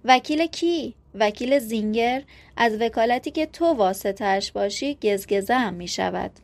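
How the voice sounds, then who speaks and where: A woman's voice: a little high, expressive. A woman reading the part of an outspoken man who questions others with pointed sarcasm. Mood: scornful. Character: outspoken middle-aged man, blunt, scornful.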